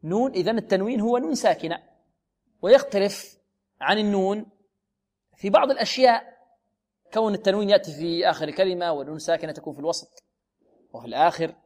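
A man teaching Quran recitation, asking questions and answering them himself, and reciting examples slowly and drawn out. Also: high voice, lively intonation, darkish tone. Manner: explains and drills pronunciation, asks questions then answers them. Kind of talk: tajweed lesson with recited examples.

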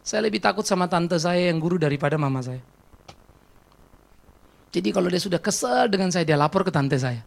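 A male pastor delivers a sermon full of stories and personal confession. His voice carries a gravelly edge, and he lurches from loud, emphatic exclamations to hushed, reflective passages. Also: high voice, animated, fairly quick, pauses often. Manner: dramatic, swings from loud exclamations to quiet reflection.

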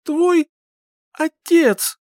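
A man voicing an impatient, scrappy young woman in an audiobook, shrill and exasperated. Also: very animated, measured pace, a little mellow, no room sound, studio quality, heavily acted. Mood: frantic.

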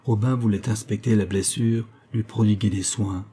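A man narrating an adventure novel as an audiobook in a measured literary reading. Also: lowish voice, fairly even intonation, mellow, slightly rough. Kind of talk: scripted narration.

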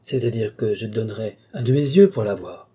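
A man's voice: on the low side, expressive, fairly quick, warm tone, slightly rough. A man reading aloud as an eager, impatient countess, the king's favourite, in a novel's audiobook, speaking in exclamations.

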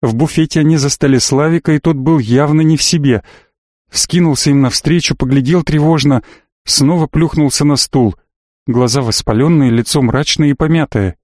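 A man narrating an audiobook in an even, measured reading voice. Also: on the high side, no echo, studio quality. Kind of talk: scripted narration.

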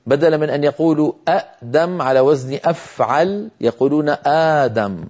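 A man's voice: on the high side, dark tone, lo-fi sound. A middle-aged man teaching a Quran recitation lesson, earnestly exhorting his listeners and drawing out sounds to demonstrate them. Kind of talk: tajweed lesson lecture.

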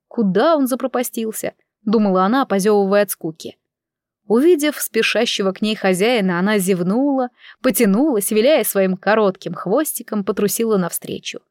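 A woman narrating a story aloud in a calm, even storytelling manner. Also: on the high side, dry recording, studio quality. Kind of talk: storybook reading.

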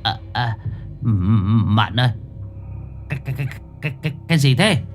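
A man's voice: fairly low pitch, huge pitch swings, moderate pace, soft background music. A man voicing a frightened, whiny young drinker in a spoken horror story. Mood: panicky. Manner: whiny, stammering. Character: scared drunken young man, stammering.

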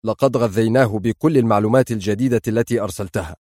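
A tense spy agency chief, voiced by a man, briefs in a low, careful voice with hesitant pauses. The recording is close and dry, as in an audiobook. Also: a little mellow, dry recording, lightly acted.

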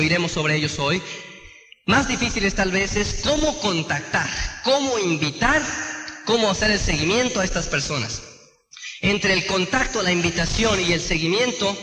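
A man giving a motivational sales training talk, animated and often asking his audience rhetorical questions. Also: high voice. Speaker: network marketing trainer. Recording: echoey hall with long reverb.

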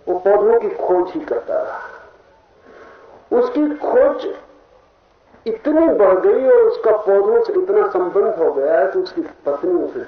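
A man giving a spiritual discourse in an impassioned way, swinging from hushed to loud for emphasis. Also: high-pitched. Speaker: spiritual teacher. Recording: old lo-fi tape with heavy echo, narrow tinny band, faint hiss.

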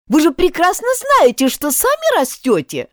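A woman's voice: high-pitched, wildly swooping pitch, moderate pace, dry recording, studio quality, voice pushed up. A woman voicing a young girl in a storybook, speaking pertly. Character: young girl Alice, growing bolder.

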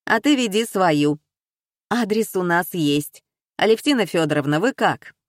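Woman reading male detective, brisk, commanding, calm, dry sound. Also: fairly low pitch, no echo. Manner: brisk, giving orders.

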